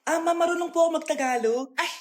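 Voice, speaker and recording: A woman's voice: very high-pitched, fast, darkish tone, roomy sound. A woman playing every part in short comedy skits, switching between a mother and her children. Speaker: comedy skit creator playing all parts. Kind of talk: comedic skit acting, many roles.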